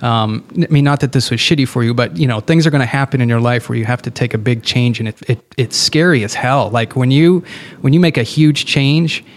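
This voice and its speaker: A gravel-edged male host in middle age chats loosely with his guest, drifting through thoughts and laughing easily. He grew up in New Hampshire and keeps a casual, conversational pace. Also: medium pitch, a little fast. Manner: relaxed, rambling, laughs often. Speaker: podcast host. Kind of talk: casual interview chat.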